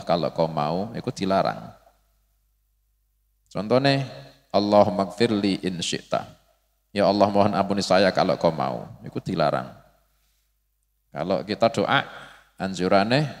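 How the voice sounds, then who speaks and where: A man giving a religious study lecture, explaining slowly and acting out prayers in a raised, pleading voice. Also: fairly low pitch. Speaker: religious teacher. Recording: long hall reverb.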